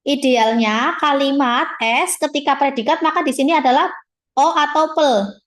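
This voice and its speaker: A woman's voice: sits high, moderate pace. A woman tutor teaching a live online class, patiently explaining and answering students by name over a video call.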